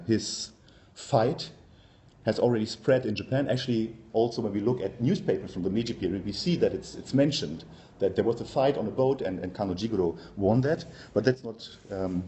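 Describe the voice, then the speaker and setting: A middle-aged university lecturer with a German accent gives an academic workshop presentation, hesitating and filling it with ums and uhs. His voice is fairly low-pitched and mellow.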